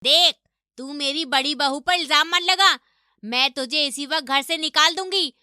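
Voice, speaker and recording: A shrill, bossy cartoon mother-in-law, played by a woman, sneering and domineering. Her voice sits high and rings very bright and sharp. It sounds dry and close, with no room around it. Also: moderate pace, no echo. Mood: scolding. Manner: taunting, domineering. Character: harsh scolding middle-aged mother-in-law. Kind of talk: animated story voice acting.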